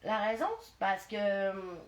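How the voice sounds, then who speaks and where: A woman's voice: medium pitch, level tone, unhurried. Quebec mother interviewed, echoey room. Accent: Quebec French. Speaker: interview guest. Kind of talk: casual interview. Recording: echoey room, faint noise.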